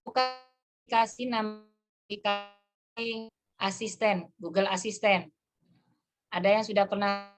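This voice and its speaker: A woman's voice: medium pitch, steady tone, unhurried, long pauses. A woman presenting an online lesson, explaining step by step as she demonstrates an app on her phone. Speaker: webinar presenter.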